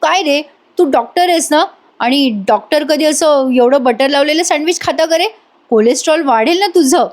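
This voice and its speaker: A woman's voice: sits high, moderate pace, voice pushed up, lightly acted. A woman reading as a tender pleading older brother. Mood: comforting. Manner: coaxing, affectionate, emotional.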